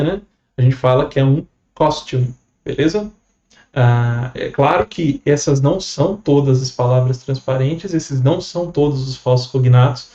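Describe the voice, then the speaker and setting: A man with a Brazilian Portuguese accent teaching a casual online English lesson, relaxed and full of fillers and quick "beleza?" check-ins. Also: mid-range voice, roomy sound, muffled recording.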